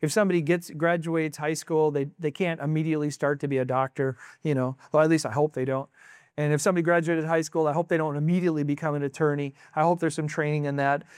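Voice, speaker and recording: A preacher delivering a sermon in an emphatic way, tossing in short exclaiming asides between points. The voice sits at a middling pitch. The sound is dry and close, with no room echo. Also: steady tone, fast, a little mellow, smooth. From United States. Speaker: pastor.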